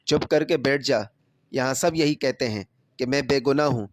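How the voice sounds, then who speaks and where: A man voicing a gruff, sarcastic male police constable in a storybook reading. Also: mid-range voice, close to an everyday voice.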